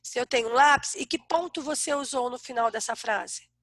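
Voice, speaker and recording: A Brazilian woman teaching an online class to young children, with a warm, sing-song way of talking. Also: high-pitched, fairly quick, no echo, clean studio sound. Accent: Brazilian Portuguese. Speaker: primary school teacher.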